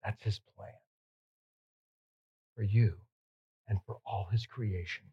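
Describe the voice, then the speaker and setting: A male pastor preaching at an unhurried, deliberate pace. His voice carries a husky edge as he rises to emphatic peaks and drops to near-hushed tones, repeating words to drive them home. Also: on the low side, steady tone, lo-fi sound. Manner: swings between loud emphatic peaks and soft, hushed drops. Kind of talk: sermon.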